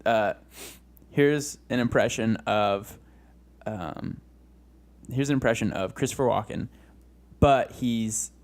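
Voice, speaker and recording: A man's voice: medium pitch, takes it slowly, long pauses. A young man co-hosting a casual comedy show, with a mid-range voice. He rambles, laughs at his own jokes and restarts his sentences often. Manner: rambling, giggly, with many restarts. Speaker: podcast co-host.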